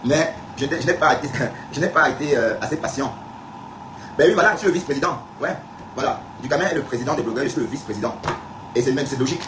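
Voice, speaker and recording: Give me a man from Cameroon on a live stream, talking fast and repeating himself emphatically. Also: mid-range voice, noisy background. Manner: emphatic, repetitive, addresses viewers directly. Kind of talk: casual live-stream talk replying to comments. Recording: echoey room, faint background ambience.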